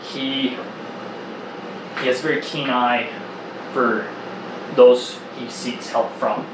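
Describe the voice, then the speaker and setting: A man's voice: medium pitch, little pitch movement, slow pace, close to an everyday voice. A man voicing a very old, wise male magic mentor, speaking kindly and unhurriedly, recorded on a distant mic in a roomy, noisy space. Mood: encouraging.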